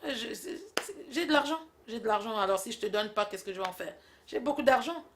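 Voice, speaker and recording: Young woman, higher voice, teasing, laughs often, comic dialogue. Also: animated, a little fast, noisy background.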